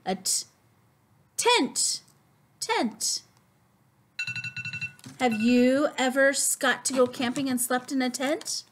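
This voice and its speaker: A woman teaching preschoolers as host of a children's lesson, speaking slowly with exaggerated, cartoonish sing-song intonation. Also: high-pitched, fairly even intonation, a little hiss or hum. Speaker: preschool teacher hosting circle time.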